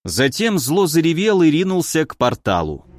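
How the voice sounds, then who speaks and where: A man narrating a fantasy audiobook in a steady, even storytelling manner. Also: on the high side, normal speed, music in the background.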